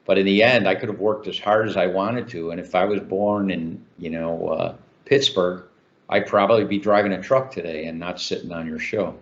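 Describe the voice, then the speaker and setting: A man from Chicago speaks in a very deep voice, rambling through his answers with plenty of ums and false starts. The sound is slightly dull, as over a video call. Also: fairly even intonation, moderate pace. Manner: talkative, many fillers and restarts. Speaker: author guest. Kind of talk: interview answers.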